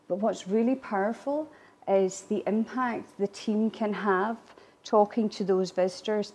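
Her answers in this conversational interview are chatty and full of warm laughter, fillers, and restarts. A native Irish Gaelic speaker who manages a distillery attraction, she appears as a guest speaker with a mid-range voice that has a gravelly edge.

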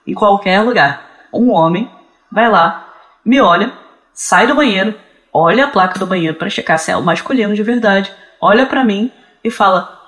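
A man's voice: high-pitched, a bit bright, rough recording. A man with a cracking, reedy voice, speaking casually and reflectively as a podcast guest, repeating words as he searches for them. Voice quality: cracking, reedy voice from early gender transition. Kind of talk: casual, reflective advice and personal account.

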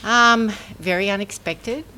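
A woman's voice: mid-range voice, a little slow, pushed and bright, slight background noise, low-quality recording. A mature woman, reminiscing casually in an interview as a former athlete. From Brisbane, Australia. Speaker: former professional triathlete, interviewee.

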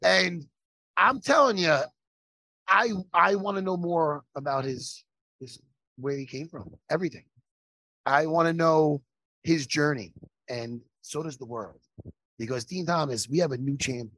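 A man hosting a casual podcast chat, animated and profane, given to laughing and telling stories. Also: fairly high pitch, unhurried, pauses often, no echo. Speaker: podcast host.

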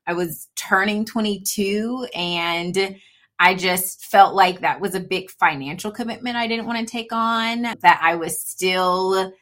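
A woman in her thirties with a mid-range, slightly bright voice speaks a little slowly. She's a supply chain consultant appearing as a guest on an interview podcast, a native English speaker who talks casually and chattily, saying "you know" often.

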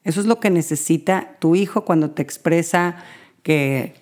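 A woman giving a parenting talk that walks through common mistakes, filling her pauses with "este" and "¿no?" and briefly acting out parent and child lines. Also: lowish voice, a little mellow. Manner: fills pauses with "este" and tag questions "¿no?"; acts out parent and child lines in quick short voices. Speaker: parenting educator.

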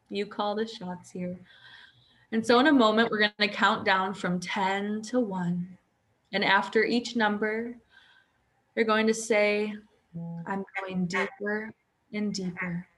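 A woman guiding a hypnosis session as a hypnotherapist, speaking softly and soothingly in repetitive phrases. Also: medium pitch, steady tone, takes it slowly, long pauses.

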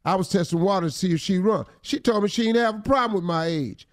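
A man's voice: high voice, fast talker, dry recording, studio quality. A man co-hosting a comic advice talk segment, teasing the letter writer and acting out his lines. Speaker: radio show co-host giving advice. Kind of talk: comic relationship advice chat.

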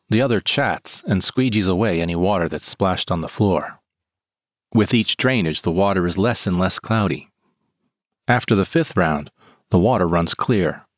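A man reading a first-person story in a calm, measured way. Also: deep voice, no room sound, clean studio sound. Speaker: narrator. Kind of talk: scripted first-person narration. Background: guitar music.

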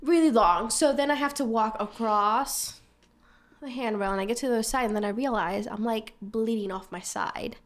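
Young woman, casual co-host, a bit high, bubbly rambling storyteller who laughs often. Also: normal speed. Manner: animated, laughing, fillers of "like".

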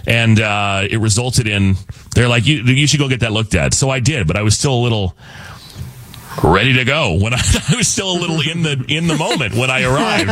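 A man's voice: medium pitch, fairly bright tone, dry recording. A man hosting a morning radio show, telling a rambling, self-mocking story in casual chat.

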